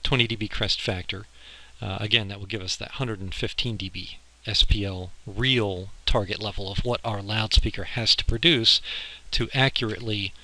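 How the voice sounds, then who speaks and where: Over slides, a man teaches audio engineering in an informal lecture, explaining the technical material one step at a time. He speaks at a normal speed with fairly even intonation, his lowish voice sounding pushed and bright. The recording is low-quality, harsh, and amateur, with clicking.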